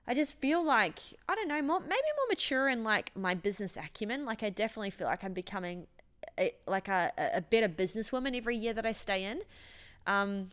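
A woman's voice: mid-range voice, fairly bright tone. Aussie gym owner lady in her 30s, sweary, emotional, all over the place. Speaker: gym owner and podcast host. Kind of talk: casual monologue.

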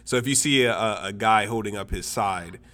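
Bright-voiced young man, teasing. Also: fairly low pitch. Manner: teasing, quick to joke and ask follow-up questions. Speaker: podcast host. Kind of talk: casual chat.

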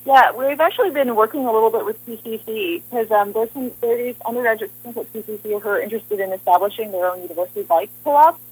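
A woman's voice: fairly high pitch, fast, few pauses, slightly rough, no room sound, poor audio. A woman guest on a radio show talking informally about a bike group's classes. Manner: informal, chatty, plain-spoken. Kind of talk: casual radio interview.

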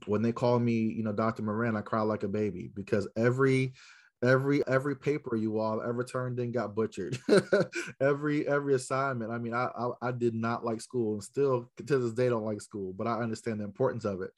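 A man's voice: mid-range voice, fairly even intonation, fast. A man with an American accent and a mid-range voice speaks as an interview guest. He tells stories in an emphatic way, addressing his listeners directly and often checking in with rhetorical questions. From South Central Los Angeles, United States. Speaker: educator and school mentor, podcast guest. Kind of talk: storytelling interview answer to a live audience.

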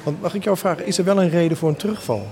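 Fast-talking expert man, crowd behind. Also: sits high. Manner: explaining, rapid. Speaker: psychiatry expert. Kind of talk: explanatory interview talk.

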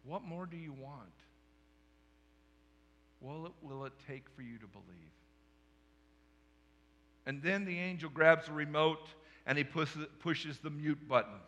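A male pastor preaches in a humorous storytelling manner, acting out the scenes as he goes. His voice is bright and forceful, a little high for a man. The sermon rings with the long reverb of a church hall. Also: unhurried, pauses often.

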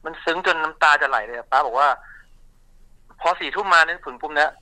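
A man speaking as an interview guest, recounting his family shop's story in a relaxed, chatty way with many fillers and restarts. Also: on the high side, fast, no room sound, poor audio.

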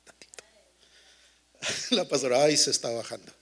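Joking bilingual pastor with a gravelly voice. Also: male voice, mid-range voice, animated, moderate pace, bright, forceful tone. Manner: joking, teasing the congregation, switching between Spanish and English. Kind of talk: lively bilingual sermon.

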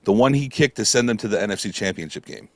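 A man's voice: lowish voice, animated, fast, no room sound. Opinionated American man arguing sports. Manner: opinionated, argumentative, profane. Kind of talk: casual sports debate.

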